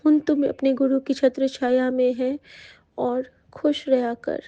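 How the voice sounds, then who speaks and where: A woman giving a heartfelt devotional testimony to the congregation, hesitating often with soft fillers. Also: high voice, flat delivery, unhurried, no room sound, muffled recording. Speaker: devotee sharing a satsang testimony. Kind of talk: devotional testimony, addressing the sangat.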